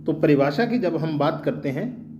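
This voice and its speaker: A male teacher hosting his own channel, explaining grammar slowly and patiently and repeating example phrases with changing stress. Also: a little high, expressive, warm tone, slight background noise. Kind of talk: explanatory Hindi grammar lesson.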